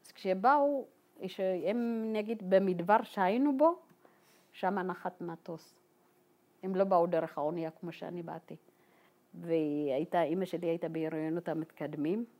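Halting woman from Ethiopia, slightly low voice. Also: fairly even intonation, a little mellow. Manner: halting and informal, many fillers, acts out remembered dialogue. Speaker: guest telling her life story. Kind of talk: personal testimony told to a group.

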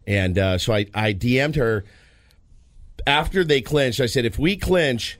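A man's voice: medium pitch, measured pace, no echo. American man in dry, casual sports talk. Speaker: sports radio co-host. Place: radio studio.

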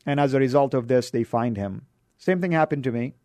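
A Saudi Arabian man hosting a radio show delivers an emphatic, sermon-style exhortation, his pitch rising on key words. His tone is warm and brisk. The recording is dry.

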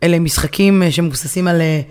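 A woman with an Israeli accent co-hosting a casual discussion, often pausing to search for her words. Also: fairly low pitch, darkish tone, smooth. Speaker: podcast co-host.

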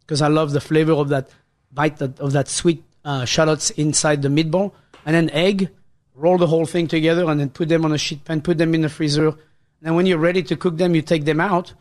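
A man in his fifties with a French accent, a chef co-hosting a casual radio chat, explaining dishes step by step with many restarts. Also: a little high. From France.

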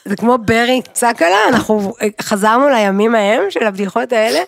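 A woman co-hosting a podcast, talking frankly in casual chat, mocking herself and launching into animated rants. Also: fairly high pitch, gravelly, no room sound, clean studio sound. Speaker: podcast co-host. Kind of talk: candid conversational podcast chat.

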